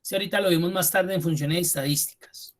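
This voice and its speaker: Running an online spreadsheet lesson, a computer course instructor speaks informally and straight to his students, slowing down to repeat important terms. His voice is high, with fairly even intonation.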